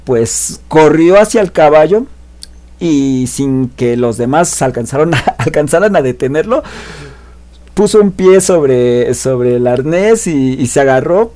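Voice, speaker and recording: A man casually retelling a classic story as a literature video host, animated and chatty, tossing in tag questions. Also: a little high, unhurried.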